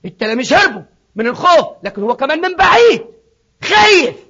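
Impassioned high-voiced preacher. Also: male voice, very animated, very fast. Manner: impassioned, swings from hushed to shouting. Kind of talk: sermon. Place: church in Sydney. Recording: dull lo-fi recording.

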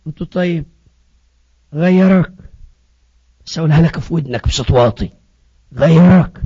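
A preacher with an Egyptian Arabic accent giving a passionate evangelistic sermon, alternating between loud appeals and hushed words. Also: male voice, fairly high pitch, racing, breathy edge. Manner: passionate, retells dialogues, swings from loud to hushed. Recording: muffled lo-fi recording.

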